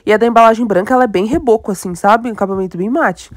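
Speaking very fast in a mid-range voice, a young Brazilian beauty vlogger with a cold-induced nasal stuffiness chats enthusiastically during her casual makeup tutorial, with a Brazilian Portuguese accent. The audio is studio quality without echo.

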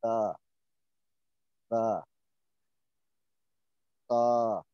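A man with a warm, resonant voice sounds each letter very slowly after his teacher. The audio is dry and a little dull, like a call line. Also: fairly low pitch, smooth, dry recording. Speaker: student.

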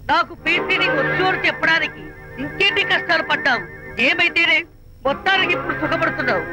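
An actor playing a comic, chattering friend who blurts out secrets, on a film soundtrack with faint music. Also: male voice, very high voice, poor audio.

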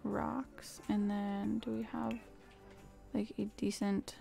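A woman's voice: mid-range voice, flat delivery, slow pace, creaky, dark tone, soft background music. A woman streaming a building game, muttering to herself in casual, frustrated commentary.

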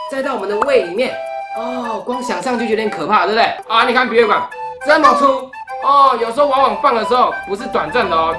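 A young man with a Taiwanese Mandarin accent, coaching casually and reassuringly in short, repeated instructions. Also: high voice. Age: young adult. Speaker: nurse demonstrating a procedure. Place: small furnished room indoors. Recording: roomy echo, loud music behind.

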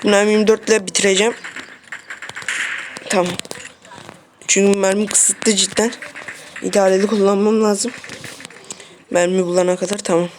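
Brief: mobile game streamer, mid-pitched, chatty live commentary, faint hiss and tapping behind. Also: level tone, normal speed, pauses often. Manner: repeats short phrases, talks straight to viewers. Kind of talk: casual gameplay commentary. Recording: faint noise and clicks.

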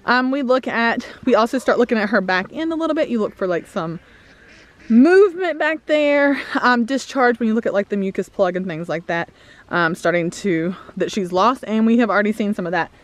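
This homesteader vlogger, a woman in her thirties, leads a casual farm tour outdoors with the camera at arm's length. Her voice is on the high side, fairly quick and lively in intonation, and she explains things chattily with many "um"s.

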